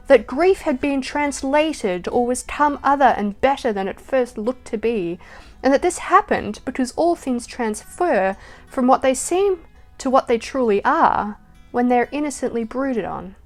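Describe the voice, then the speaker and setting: A woman reading poems aloud slowly and softly, her voice trailing off at the ends of lines. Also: fairly high pitch. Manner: slow, soft reading that trails off at line ends. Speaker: poetry reader. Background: soft acoustic guitar music.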